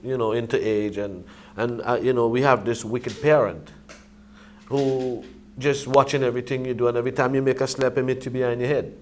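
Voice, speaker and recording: A man's voice: medium pitch, steady tone, a little fast. Caribbean Rasta-style man over background noise. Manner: Rastafarian way of speaking. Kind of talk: conversational reasoning with emphatic points. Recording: clearly noisy ambient background.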